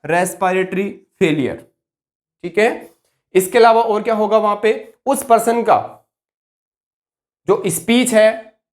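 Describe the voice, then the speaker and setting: A male nursing tutor giving an exam-focused lecture. He keeps asking questions and answering them himself, and slows to stress key terms word by word. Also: high voice.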